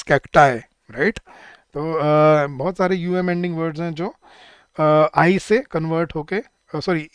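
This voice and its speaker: Male grammar tutor, slightly high, smooth voice, dry close recording. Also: no echo. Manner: lists word pairs, quizzes students, calls them guys. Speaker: English teacher. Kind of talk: online exam-prep grammar lesson.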